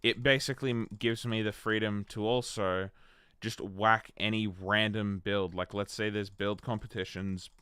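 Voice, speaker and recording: A man's voice: on the low side, fairly even intonation, normal speed, few pauses, pushed and bright, smooth, dry recording, clean studio sound. A man chatting casually on a gaming livestream, rambling and answering his chat by name. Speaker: streamer.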